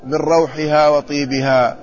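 A man, an Islamic scholar, giving a measured classroom commentary on hadith and checking the text with his students. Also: on the high side, little pitch movement, darkish tone. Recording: muffled lo-fi recording with faint ambience.

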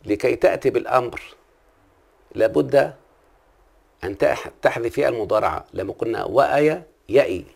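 Gravelly Egyptian man teaching grammar. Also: medium pitch, a little fast, pauses often, darkish tone. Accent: Egyptian Arabic. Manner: asks the listener frequent check-in questions. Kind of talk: classical Arabic grammar lesson.

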